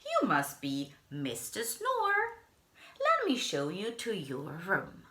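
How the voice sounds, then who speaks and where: A woman's voice: mid-range voice, wildly swooping pitch, slow, pushed and bright, echoey room, voice pushed up, full character voice. A woman voicing a polite, helpful hotel bellhop with a courteous, accommodating manner. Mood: welcoming.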